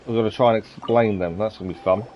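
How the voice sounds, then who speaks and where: Talking fast with a fairly low pitch and fairly even intonation, a man livestreams a video game, chatting with his viewers and reading text off the screen. Faint game music plays behind him, and the recording sounds slightly dull.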